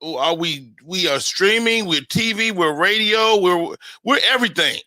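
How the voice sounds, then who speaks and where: A man hosting a casual live show, chatting informally with upbeat, slangy shout-outs. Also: sits high, animated, a little slow. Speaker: show host.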